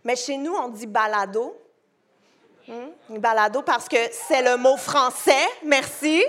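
A woman with a bright, high voice and a broad Québécois French accent hosts a festival closing ceremony on stage before a live audience. She works the room in a stand-up way, joking and teasing between lines. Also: slow pace. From Quebec. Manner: playful, teasing banter with the audience. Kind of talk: live stand-up style hosting.

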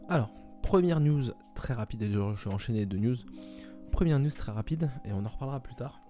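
A man's voice: medium pitch, expressive, brisk, music in the background. A man hosting a casual solo podcast episode, talking hesitantly with many fillers and restarts. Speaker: podcast host.

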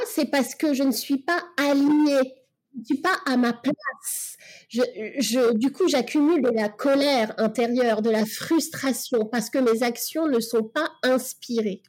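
A woman's voice: high-pitched, a little mellow. A woman in casual podcast conversation, talking in a reflective, coaching way with many fillers and restarts.

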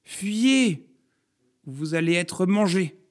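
A man putting on a shrill old zucchini woman. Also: animated, slow, darkish tone, full character voice. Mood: frantic warning. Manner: shrill pleading warnings. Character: frantic old wrinkled female zucchini.

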